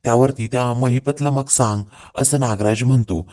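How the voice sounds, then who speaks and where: Mellow-voiced man retelling a story. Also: mid-range voice, normal speed. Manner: retells scenes in steady narrating flow. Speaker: serial recap narrator. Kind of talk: storytelling plot recap.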